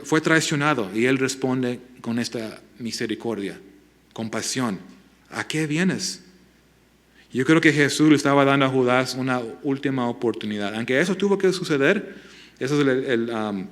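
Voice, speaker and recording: Pastor, male, mid-pitched voice, preaching in a church with an earnest, pleading tone. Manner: earnest, pleading, with frequent restarts and soft appeals. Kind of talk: sermon. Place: church sanctuary.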